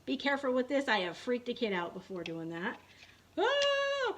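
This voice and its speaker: A woman's voice: mid-range voice, expressive, fast talker, slight background noise. A woman who teaches English online gives a casual tour of her home classroom setup and keeps talking straight to her viewers. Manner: chatty, keeps addressing viewers with y'all and right.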